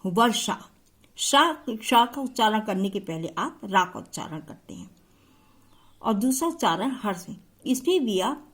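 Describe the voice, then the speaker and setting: A woman teacher explaining a school grammar lesson step by step to her pupils. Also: a little high.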